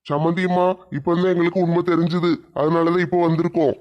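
A man's voice: a little high, level tone, fast, dull audio, lightly acted. A man playing an earnest middle-aged father in a comedy skit, explaining plainly.

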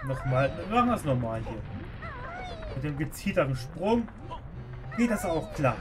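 A man's voice: fairly high pitch, sing-song, normal speed. A man giving casual live commentary as he plays a game on stream. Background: video game music.

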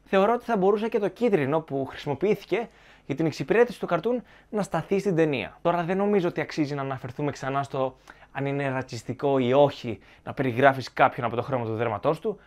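A man giving opinionated film commentary to viewers, arguing his points in a sarcastic, argumentative way. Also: fairly high pitch.

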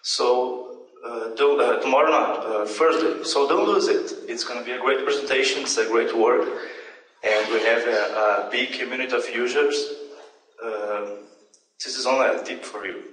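This is an academic conference talk from a young man from Brazil, his English halting and peppered with fillers and self-corrections. A bit bright in a mid-range voice, he speaks into a handheld mic played through room speakers. A distant camera in the large, dim, echoey lecture hall with its projection screen records it, with slight background noise.

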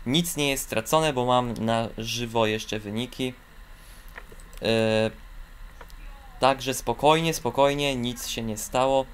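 Excitable man commentating ski jumping. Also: slow pace, long pauses, a little hiss or hum. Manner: bursts into high excited shouts on long jumps; fillers and restarts. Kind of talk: excited sports commentary over a video game.

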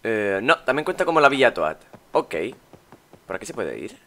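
A man's voice: mid-range voice, very animated, moderate pace, pushed and bright. A young man from Spain commenting on a game he is playing, chatty and exclaiming, muttering while he searches. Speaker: gaming YouTuber. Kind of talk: let's play commentary.

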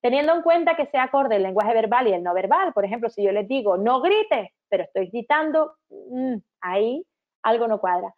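A woman's voice: on the high side, lively intonation, moderate pace. Woman lecturing over a tinny line. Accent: Canarian Spanish. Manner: acts out warm, sing-song quotes to children. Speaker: speaker giving an online lecture to educators. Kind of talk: online lecture. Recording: tinny phone-like sound.

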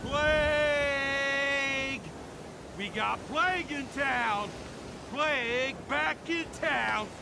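A man voicing an alarmed middle-aged town crier in a western video game, calling out urgent public warnings in long, loud cries. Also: extremely high pitch, very slow, creaky, heavy background noise, heavily acted.

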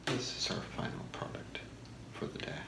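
A man in his thirties doing a whispered role-play as a shopping channel host, soft-spoken, with a slow, deliberate product pitch in a small room. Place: small home room, indoors. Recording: echoey room with clear background noise.

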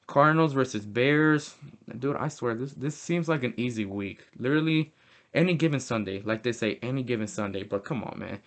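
A man's voice: mid-range voice, lively intonation, brisk. A young man hosting a casual football prediction show, chatty and prone to correcting himself as a fan. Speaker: host. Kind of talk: casual sports prediction talk.

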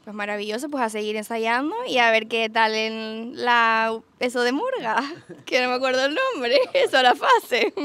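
A woman reporter with a high, bright voice runs a playful interview. She teases her guests and jokes as she goes. Her tone is quick to laugh. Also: animated, clear, resonant tone. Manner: teasing, jokey, laughs often. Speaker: TV reporter interviewing carnival group members.

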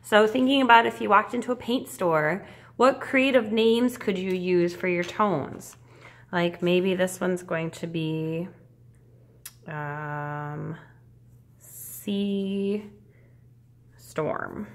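This art teacher, a woman, has a fairly low, creaky voice with a steady tone and measured pace. Her casual step-by-step demo comes across as reassuring, encouraging and informal.

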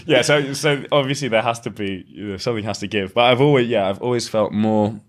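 A man's voice: mid-range voice, fast talker. A man, a lyricist, talking reflectively as a podcast guest and explaining his ideas at length with frequent restarts. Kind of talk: reflective conversational interview.

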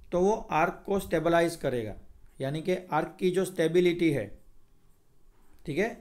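Gujarati man teaching in a fairly high voice. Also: darkish tone. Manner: explains in Hindi mixed with English terms, checks "clear?". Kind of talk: screen-recorded lecture.

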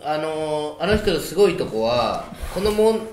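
A man's voice: on the high side, big pitch swings, normal speed, darkish tone, slight background noise. A young man from a comedy duo, opinionated and teasing his partner on a casual radio talk show. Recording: roomy studio echo.

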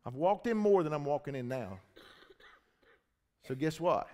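Male pastor, high voice, preaching in a reverberant church hall, loud then hushed. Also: expressive, unhurried. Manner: swings between loud shouting and low intense talk. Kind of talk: sermon.

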